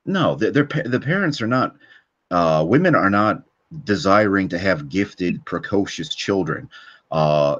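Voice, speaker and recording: Low-voiced man ranting, swearing a lot. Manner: profane, rambling rant with frequent fillers and restarts; repeats a questioning "okay" to punctuate points. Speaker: channel host. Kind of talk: ranting monologue. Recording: dull lo-fi recording.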